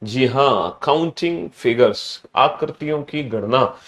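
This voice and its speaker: A man teaching a live online class, energetic, repeating his phrases and mixing Hindi with English terms. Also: medium pitch, slow. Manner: energetic, repeats phrases in sing-song greetings.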